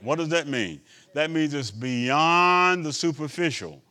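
A man preaching a sermon as a bishop, his voice sitting fairly high for a man. He checks in with the congregation, rises for emphasis, then drops into quiet asides. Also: unhurried. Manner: preaching with call-and-response asides; swings between loud emphasis and quiet asides.

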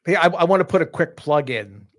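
A man's voice: a little high, animated, brisk. Enthusiastic male sports podcast co-host. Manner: enthusiastic, repeats words and restarts. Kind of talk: casual sports podcast chat.

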